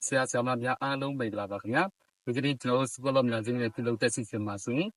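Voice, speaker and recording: A young man acting as event MC, greeting students and teachers in a rapid, formal delivery. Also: medium pitch, steady tone, no echo, rough recording.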